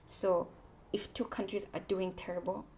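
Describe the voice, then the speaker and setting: A woman's voice: medium pitch, level tone, normal speed, warm tone, a little hiss or hum. A woman from Tanzania, English her second language, giving a candid opinion monologue with repeated words for emphasis. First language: not English. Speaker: political commentary vlogger. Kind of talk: casual opinion monologue to camera.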